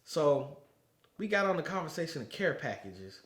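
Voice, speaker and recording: A man's voice: on the high side, sing-song, moderate pace, a bit bright. A man who served as a Marine, an interview guest telling stories casually and animatedly, laughing often. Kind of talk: casual storytelling. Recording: roomy echo.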